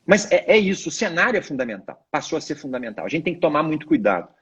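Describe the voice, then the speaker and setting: A man's voice: fast, husky. A man, a lawyer guest on a live video chat, explaining in a didactic, emphatic way. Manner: didactic, emphatic, expressive pitch swings.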